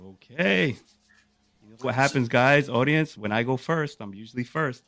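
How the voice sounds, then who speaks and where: A podcast co-host chats casually and enthusiastically as he pitches his list of picks to the group, often tossing out rhetorical questions. He speaks at medium pitch and a moderate pace, with a bit of brightness and some vocal fry.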